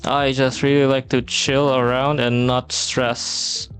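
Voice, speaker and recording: A young Filipino man chats casually on his drawing stream, where he is both streamer and teacher. His mid-range voice wanders in a relaxed way, full of pauses and fillers, over soft background music.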